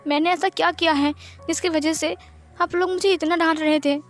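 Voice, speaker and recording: A woman reads out a frightened young man in a spoken fan story, high-pitched and pleading. He asks anxious, repeated questions and sounds lost. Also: steady tone, moderate pace, soft background music. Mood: confused pleading.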